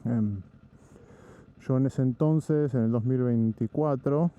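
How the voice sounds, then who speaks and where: A man from Argentina with an Argentine Spanish accent, narrating a casual vlog while driving, in a relaxed, rambling way with frequent restarts. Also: medium pitch, slow pace, phone-quality sound. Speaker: vlogger. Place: in a vehicle on the road.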